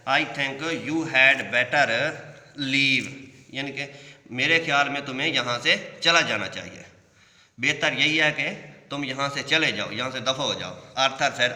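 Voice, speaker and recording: A man teaching English by translating a story line by line. He reads each English line slowly, then explains it at length. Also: mid-range voice, bright, forceful tone. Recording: echoey room with long reverb.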